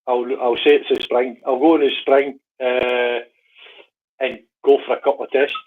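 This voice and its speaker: A man's voice: medium pitch, level tone, normal speed. A man from Glasgow talks in an easygoing, hesitant way, leaning on fillers as he explains things. He comes through a narrow, tinny line that sounds like a phone call. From Glasgow, Scotland. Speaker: guest biker. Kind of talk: casual chat over a call.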